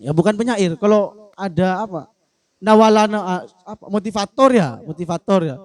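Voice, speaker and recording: A man's voice: sits high, normal speed, darkish tone, no echo. A man in a casual discussion, answering in a playful, joking way. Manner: playful, joking, acts out example phrases. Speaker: discussion speaker answering a question.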